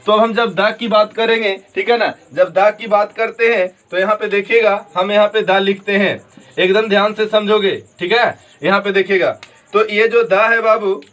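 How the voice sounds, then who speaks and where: A man teaching an English grammar lesson to students, explaining slowly, often checking in and spelling words out letter by letter. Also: sits high, fairly bright tone, low-quality recording.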